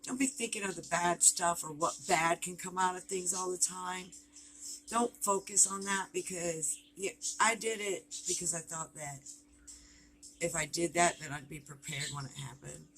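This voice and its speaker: A woman's voice: on the low side, fairly even intonation, normal speed, fairly bright tone, low-quality recording. An older woman talks through parenting advice in a casual, folksy motivational style. She rambles and circles back, filling gaps with "you know" and "um". A faint hum sits under her voice.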